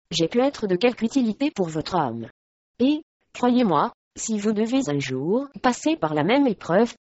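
A woman reading the part of a calm, devout young woman in a storybook, speaking gently. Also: medium pitch, no echo, lo-fi sound.

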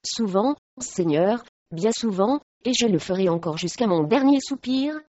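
A woman reading the part of a calm, devout young woman in a storybook, speaking gently. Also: mid-range voice, measured pace, dry recording, lo-fi sound. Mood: serene.

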